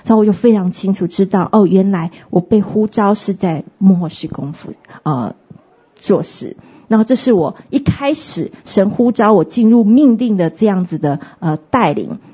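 A woman minister telling her personal faith testimony in an earnest, halting way, often restarting her sentences. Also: medium pitch, animated, dark tone, breathy edge, muffled recording.

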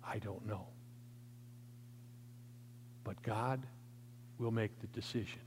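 A man preaching a sermon, his emphatic delivery swelling louder and then dropping soft. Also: fairly low pitch, fairly even intonation, slow pace, slight background noise. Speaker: pastor. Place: church sanctuary. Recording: long church reverb.

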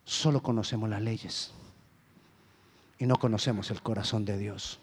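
A Colombian man preaching a sermon as pastor, swinging between loud emphasis and hushed lines. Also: fairly low pitch, fairly even intonation, moderate pace, husky. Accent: Colombian Spanish.

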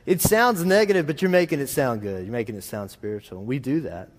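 Texan preacher with a rural drawl, echoing hall. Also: male voice, medium pitch, quick pace. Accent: rural Texas drawl. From Texas, United States. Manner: folksy, rambling, self-deprecating. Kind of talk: conversational sermon with anecdotes. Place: large reverberant room, preaching to a congregation. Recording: reverberant hall sound.

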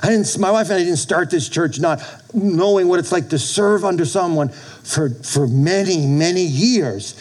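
A man's voice: high-pitched, moderate pace, a little mellow. A middle-aged man preaching a conversational church sermon as a pastor, folksy and emphatic, repeating phrases and prompting listeners for amens.

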